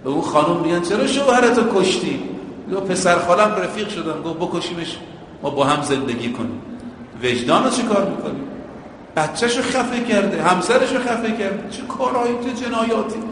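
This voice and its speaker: High-voiced preacher in an echoey hall. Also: male voice, lively intonation, fairly bright tone, a little hiss or hum. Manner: uses everyday driving comparisons, chanting Arabic quotations. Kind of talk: sermon. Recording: echoey hall with a long reverb.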